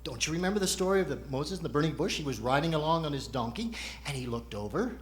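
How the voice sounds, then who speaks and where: Higher-voiced man, ventriloquist's straight man. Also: animated, quick pace. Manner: patient, explanatory straight-man questioning. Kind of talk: conversational stage comedy routine.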